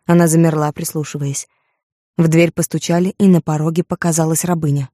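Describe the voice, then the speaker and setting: A woman reading an audiobook in a measured, dramatic way. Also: deep voice, level tone, dark tone, no echo, clean studio sound. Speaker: audiobook narrator. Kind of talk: scripted narration.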